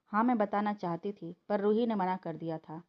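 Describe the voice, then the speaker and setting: A woman voices a steady young woman who reasons calmly and persuasively in an audio storybook. She speaks at a middle pitch, and the recording sounds slightly dull. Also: moderate pace, close to an everyday voice. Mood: earnest. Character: calm young woman backing a lie.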